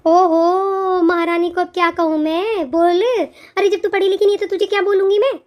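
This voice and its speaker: A woman's voice: very high-pitched, steady tone, normal speed, darkish tone. A woman voicing a bossy, scornful sister-in-law in a cartoon, who scolds with a sneer. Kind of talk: cartoon voice acting.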